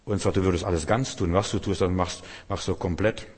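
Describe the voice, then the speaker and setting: A man's voice: low-pitched, steady tone, fairly quick, a little mellow, breathy edge. A male preacher giving a sermon, firing off repeated rhetorical questions and speaking straight to his listeners in a church hall. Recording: long hall reverb.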